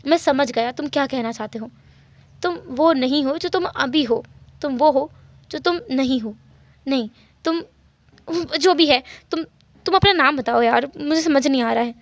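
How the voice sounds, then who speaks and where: A woman doing a calm, soft-spoken young husband. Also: high voice, no room sound. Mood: soothing. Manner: slow, unhurried, soft-spoken. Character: calm, composed young husband, gentle and teasing.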